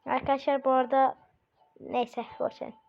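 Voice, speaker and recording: A woman hosting casual gameplay commentary, chatty and bursting into excited shouts at the game. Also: high voice, moderate pace, creaky. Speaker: gaming channel host. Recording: muffled lo-fi recording with faint game music.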